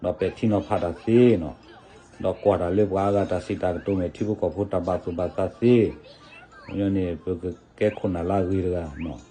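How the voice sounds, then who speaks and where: A man talking casually in a relaxed, chatty commentary, often adding little tag words. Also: low-pitched, a little fast.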